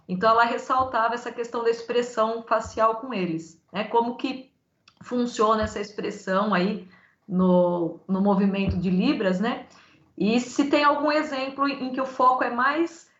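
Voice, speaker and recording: A woman moderates a live panel and asks long, winding questions in a fairly high voice. Her speech is dotted with tag questions. The sound is echoey and lo-fi. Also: a bit bright. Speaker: moderator and teacher. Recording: echoey lo-fi room audio.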